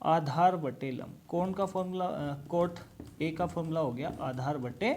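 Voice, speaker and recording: A man's voice: a little high, a little slow, darkish tone, slight background noise. A male maths teacher giving a classroom lesson, patiently repeating each step and asking questions aloud. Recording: very echoey room, mic far away.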